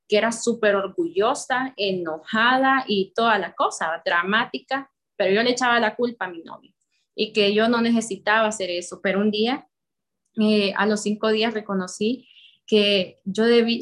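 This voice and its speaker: A young woman with a Honduran accent gives a heartfelt personal faith testimony, speaking directly to her listeners. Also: medium pitch.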